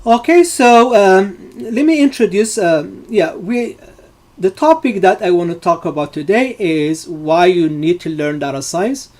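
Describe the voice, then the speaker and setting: A middle-aged man from Morocco guides a live online data science class in a fairly high, expressive voice with a darkish tone. He patiently explains every step, yet his speech is dotted with fillers and frequent restarts.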